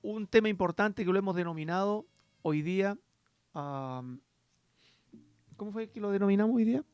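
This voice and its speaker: A pastor with a high, smooth, darkish voice gives a radio-style Bible teaching at normal speed, rambling and poking fun at himself. He keeps calling out to his listeners as "hermanos." The recording is dry and dull, with faint music in the background.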